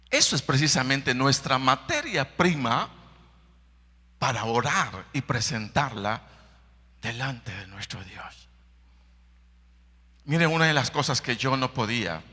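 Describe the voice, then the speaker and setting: A man preaching a sermon as pastor, with a Salvadoran accent, swinging between hushed whispers and loud, impassioned calls. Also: medium pitch. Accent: Salvadoran Spanish. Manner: impassioned preaching, drops to whispers and rises to shouts. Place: church. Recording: echoey church hall reverb.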